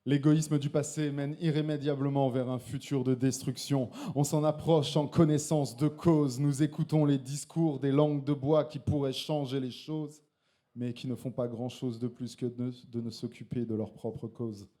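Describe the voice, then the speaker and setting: Here a slam poet who also co-hosts the night performs live for an audience, tipsy on beer and laughing playfully between verses. His mid-range voice is warm but flat in delivery, at a normal speed.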